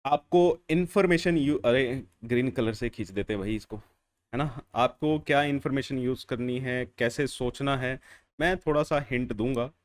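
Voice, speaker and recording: A young adult man delivers a classroom chemistry lecture at a moderate pace in a mid-range voice. Calling students "beta" and "bhaiya", he asks and answers his own questions and keeps repeating key phrases.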